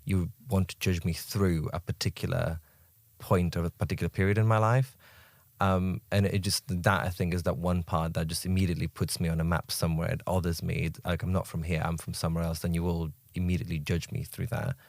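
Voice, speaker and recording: A man with a low-pitched voice talks through his thoughts in a casual podcast chat. He speaks reflectively and often pauses mid-phrase to find his words. The recording is dry and close, with no room echo. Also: flat delivery, vocal fry.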